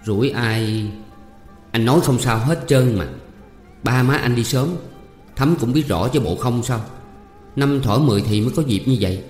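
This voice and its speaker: A man's voice: mid-range voice, moderate pace, pauses often, a little mellow, lightly acted. A man with a Southern Vietnamese accent voicing a pushy, eager young landowner's son in a storybook, coaxing and teasing. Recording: roomy reverb, faint music.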